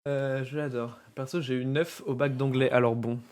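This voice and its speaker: A man's voice: mid-range voice, fairly even intonation, moderate pace, darkish tone. A young man with a French accent, chatting casually while streaming a game and rambling with plenty of fillers. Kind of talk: casual gaming chat.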